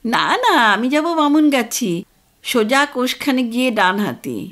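A woman's voice: a little high, sing-song, a little slow, a bit bright. A woman voicing a polite, helpful rustic village man giving directions.

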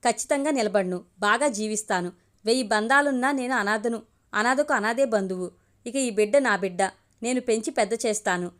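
A woman's voice: a little high, fairly quick, a bit bright, close to an everyday voice. A woman voicing a defiant young woman who protects an adopted baby, firm and emotional.

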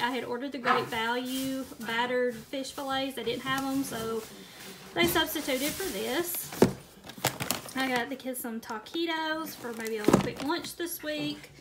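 A chatty middle-aged woman talks casually to her viewers as she holds up items at home, laughing now and then. Her voice sits a little high. It is recorded on a handheld phone, and heavy noise runs behind her the whole time. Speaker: vlogger showing a grocery haul. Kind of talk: casual chat. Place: indoors at home, camera pointed at groceries. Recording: loud background noise.

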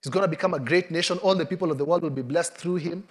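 A middle-aged man preaching a sermon in a relaxed, storytelling way on a large church stage, with a headset mic. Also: on the high side, fast. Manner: conversational storytelling, acts out quotes. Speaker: pastor.

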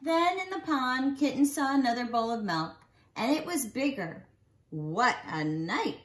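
Her high voice carries a bedtime picture book for young children as this woman in her forties, a nursery school teacher, reads expressively and elongates key words. It's recorded indoors in a small living room, with a roomy sound.

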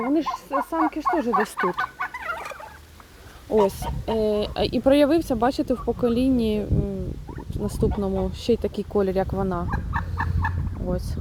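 A young Ukrainian woman with a medium-pitched voice films a casual vlog while walking around her rural yard and garden, chatting to viewers. She raises her voice now and then to shoo her birds, and geese and turkeys call in the noisy background.

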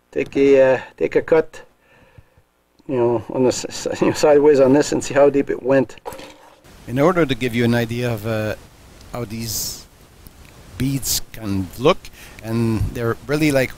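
A man talks through a welding demonstration in his garage workshop at a middle pitch, pausing and restarting as he thinks aloud. His tone stays matter-of-fact. Faint workshop noise sits behind him. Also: a little mellow. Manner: hesitant, many fillers and restarts. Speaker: welding channel host.

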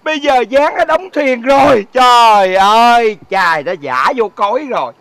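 A man's voice: very high-pitched, animated, normal speed, a bit bright, heavily acted, low-quality recording. A man with a Southern Vietnamese accent playing a heartbroken, jilted man in a comedy sketch, wailing and sobbing melodramatically. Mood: self-pitying.

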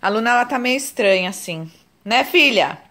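A woman's voice: on the high side, expressive, normal speed, pushed and bright. A young woman vlogging at home and talking doting baby talk to her daughter. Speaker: vlogger and mother. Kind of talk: casual home vlog.

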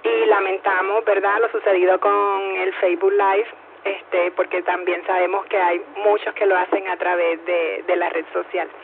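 A woman's voice: mid-range voice, little pitch movement, moderate pace, gravelly. A woman with a Puerto Rican accent speaking politely and formally as secretary of an amateur radio net, over two-way radio. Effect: two-way radio transmission. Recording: noisy narrowband radio with hum.

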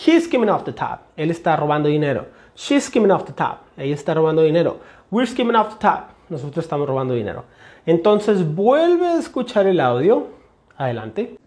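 Un hombre con acento mexicano que enseña inglés y explica fonética con ejemplos repetidos, dirigiéndose a su clase como «señores». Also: male voice, a little high, very animated, moderate pace, a little mellow. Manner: explanatory, repeats examples, addresses class as señores. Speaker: English teacher. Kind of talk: phonetics lesson.

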